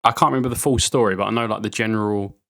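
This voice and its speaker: A man's voice: lowish voice, fairly even intonation, very fast, gravelly, a bit bright. A man bantering casually as a podcast co-host and quiz contestant. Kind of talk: casual chat, joking banter.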